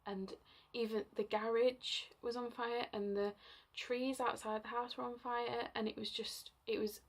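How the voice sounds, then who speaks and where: Chatty woman with a gravelly edge. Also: on the high side, little pitch movement, a little slow. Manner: chatty, full of fillers, emotional at times. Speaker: vlogger. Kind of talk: rambling personal storytelling.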